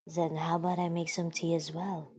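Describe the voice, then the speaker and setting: A woman voicing a shy, soft-spoken, polite schoolgirl who loves books. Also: low voice, little pitch movement, moderate pace, slightly rough, poor audio. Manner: quiet, gentle, formal.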